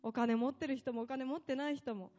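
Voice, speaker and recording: A woman's voice: sits high, steady tone, a little fast, warm tone, muffled recording. A woman preaching a sermon with impassioned delivery, building up long emphatic lists.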